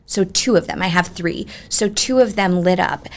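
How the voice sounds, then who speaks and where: A woman ghost tour guide chatting in an animated, emphatic way as she tells ghost stories in an interview. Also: lowish voice, normal speed. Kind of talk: conversational ghost storytelling.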